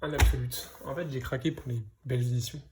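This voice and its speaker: A man's voice: mid-range voice, fairly even intonation, quick pace, loud music behind the voice. Chatty French man showing off comics. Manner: hesitant, many fillers and restarts. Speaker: comic book collector vlogger. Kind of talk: casual unboxing chat.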